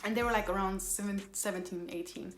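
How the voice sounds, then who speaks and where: Talking fast in a mid-range voice with fairly even intonation, a young vlogger recounts a story casually, sounding exasperated, rambling and self-correcting. Her first language is Somali, and the recording has roomy echo and faint background music.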